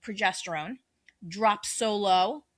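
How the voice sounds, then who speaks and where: Bright, animated middle-aged woman storyteller. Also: mid-range voice, slow, no echo. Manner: animated storyteller who acts out her own past thoughts and swears freely. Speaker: podcast guest. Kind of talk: casual chat.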